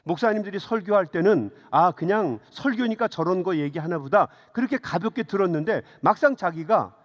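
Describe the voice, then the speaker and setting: In a reverberant church sanctuary, a middle-aged pastor preaches a sermon in a high, expressive voice at a fairly quick pace. He tells a story first, then rises into fervent exhortation of his congregation.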